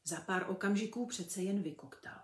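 Expressive woman reading a storybook aloud. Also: medium pitch, echoey room. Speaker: reader of children's books. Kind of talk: reading a novel aloud to children.

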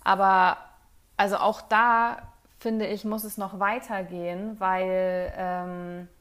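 A woman's voice: medium pitch, flat delivery, slow pace, a bit bright. Young woman, podcast co-host, casual and enthusiastic, slangy, lots of fillers. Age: young adult. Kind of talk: casual chat.

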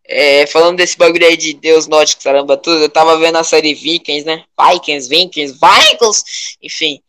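A young man with a Brazilian Portuguese accent, chatting casually in a rambling, animated way full of slang. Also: on the high side, fairly quick, smooth, no room sound.

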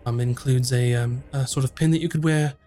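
A man narrating as game master of a tabletop game, quick and full of fillers. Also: mid-range voice, steady tone, mellow.

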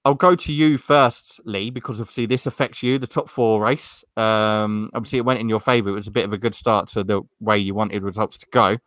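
A man's voice: lowish voice, steady tone, fairly quick, hardly any pauses, a bit bright, no echo. A man hosting a casual sports chat in a rambling, hesitant way, often repeating himself. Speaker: podcast host.

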